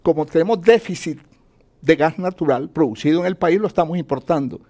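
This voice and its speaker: A Colombian man with a slightly high, brisk voice and a darkish tone talks as an economist in an interview. He teaches as he goes, lays out his points one by one, and raises questions only to answer them himself.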